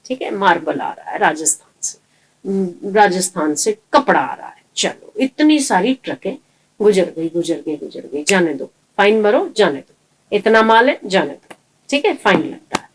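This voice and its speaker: A woman's voice: mid-range voice, moderate pace, slightly rough. A woman preacher giving a sermon, telling parables and asking rhetorical questions. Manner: lively storytelling, rhetorical questions. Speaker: spiritual preacher.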